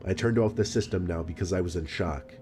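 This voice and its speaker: A man reading a scripted story in a calm, measured narration. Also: sits low, over music.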